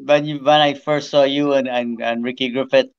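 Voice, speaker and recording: A man's voice: mid-range voice, fairly even intonation, normal speed, smooth, no echo. A middle-aged man from Trinidad who grew up in Guyana, telling his life story at length as a guest, often repeating words. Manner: rambling, repeats words while recounting. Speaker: guest, former jockey. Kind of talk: casual storytelling on a video call. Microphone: video call. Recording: slightly dull video call audio.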